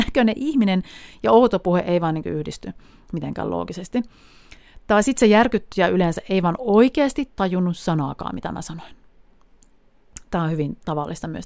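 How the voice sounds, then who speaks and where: A woman's voice: lowish voice, a little mellow, dry recording. A woman from Finland hosting a podcast, telling wry, chatty stories in a casual monologue with frequent laughs. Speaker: podcast host.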